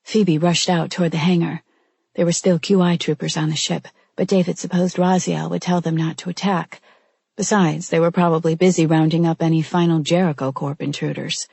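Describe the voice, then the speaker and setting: A woman reading a science fiction audiobook aloud in a measured, even narration. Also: lowish voice, creaky, slightly rough, no echo. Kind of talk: scripted narration.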